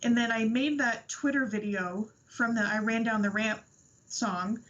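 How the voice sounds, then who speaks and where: Young woman guest, high and gushing, muffled remote audio. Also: fairly even intonation, unhurried, a bit bright. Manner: breathless, gushing, quotes herself a lot. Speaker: interview guest. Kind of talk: excited personal storytelling.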